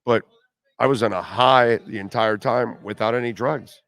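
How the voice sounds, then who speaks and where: A man's voice: medium pitch, steady tone, moderate pace, fairly bright tone. A man hosting a radio show, giving informal, wry sports-talk commentary in a conversational way.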